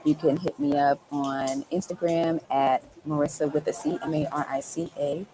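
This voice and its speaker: Low-voiced woman breathwork coach. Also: fairly even intonation, normal speed. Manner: reflective, frequent "um" and "right?". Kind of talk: casual live-stream conversation. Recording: audible background noise.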